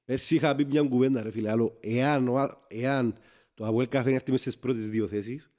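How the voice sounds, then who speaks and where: A man with a Cypriot Greek accent chatting casually about football, halting as he circles back and repeats himself. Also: medium pitch, fairly even intonation, mellow. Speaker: football fan podcast panelist.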